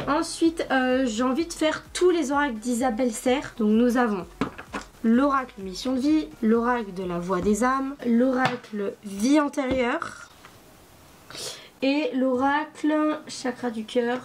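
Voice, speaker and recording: A woman hosts a casual vlog about her card collection as a cartomancy video host, gushing and chatty with plenty of fillers and asides. Her voice is a little high, and there's slight background noise.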